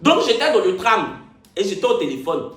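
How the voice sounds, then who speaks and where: On his video channel, a twenty-something man from Ivory Coast recounts a funny episode from his life in an Ivorian French accent, joking animatedly and repeating himself. His voice sits high at a normal speed, in an echoey room with slight background noise.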